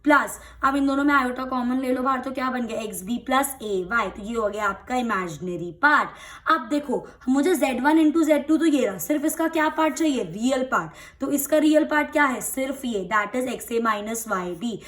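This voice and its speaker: A woman with a high, bright voice walks through a maths problem step by step. She speaks patiently and often pauses to check that her students are keeping up. She sounds like a young teacher recording a lesson video. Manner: patient, explains slowly, checks if students follow. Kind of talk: step-by-step maths lesson in Hindi-English mix.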